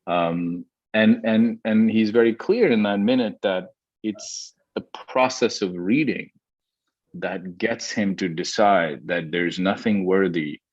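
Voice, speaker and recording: Deep-voiced man, dull dry recording. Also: slow pace, no echo. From Pakistan. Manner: thoughtful, frequent fillers and restarts. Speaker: historian guest. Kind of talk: academic conversation.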